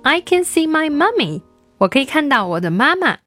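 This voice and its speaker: Lively woman teaching children English. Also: high voice, music in the background. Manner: slow, drawn-out repetition of English words for children to follow.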